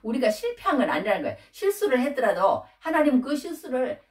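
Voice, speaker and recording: A woman preaching a sermon in a lively, conversational way, asking her listeners rhetorical questions. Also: high voice, quick pace. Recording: echoey room, mic at a distance.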